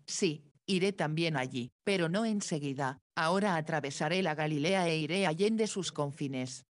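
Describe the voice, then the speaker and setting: Woman reading as a calm, patient male teacher. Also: low voice, moderate pace, no room sound, close to an everyday voice. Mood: gentle.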